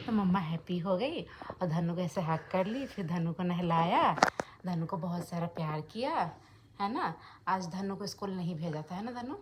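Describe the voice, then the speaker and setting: A young woman talking softly and slowly to her camera in a casual home vlog. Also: on the low side, expressive. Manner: speaks softly and slowly during a fast. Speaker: family vlogger. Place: home indoors. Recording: home recording with clear background noise.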